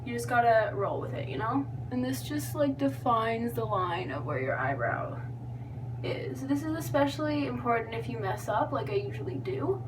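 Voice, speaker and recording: In a relaxed, chatty makeup tutorial, a young vlogger sounds tipsy and giggly, joking at her own expense. Her voice is a little high and animated at a normal speed. A distant mic captures background noise and hum.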